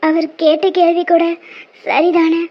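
A woman voicing a gentle, heartbroken young woman in a cartoon, speaking softly and pleading while tearful. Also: very high-pitched, little pitch movement, takes it slowly, full character voice. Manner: soft, pleading. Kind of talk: cartoon voice acting. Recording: dull lo-fi sound.

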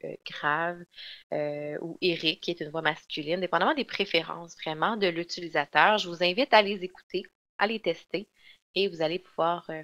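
A woman, presenting software in a webinar and explaining step by step with frequent fillers and restarts. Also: low-pitched. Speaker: software trainer. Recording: dull lo-fi online webinar audio.

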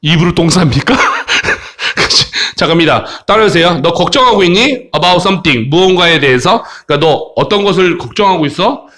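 A man's voice: lively intonation, moderate pace, hardly any pauses, sharp tone. A man teaching a children's English lesson in a playful, jokey way, drilling phrases and clowning with silly voices. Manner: playful, jokey, mimics kids in high squeaky voices.

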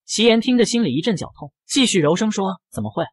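A man narrating a comic strip in brisk, scripted storytelling. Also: high voice, expressive, no room sound.

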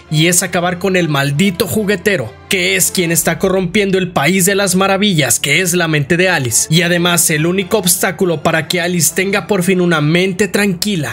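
A man, slightly hoarse, casually narrating a video game's story in a slangy, outspoken way and talking straight to his viewers. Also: high voice, a bit bright. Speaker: YouTube game lore narrator.

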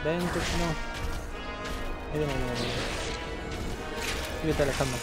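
Excitable Mexican man streaming a game. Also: a little high, normal speed, loud music behind the voice, low-quality recording. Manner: excitable, frequent outbursts and slang. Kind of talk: live gameplay commentary.

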